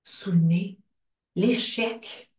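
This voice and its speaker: Brief: Québécois woman guiding a group tapping session over a video call, unhurried, distant mic in a roomy space. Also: medium pitch. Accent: Québécois French. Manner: slow, calm phrases spoken for repetition.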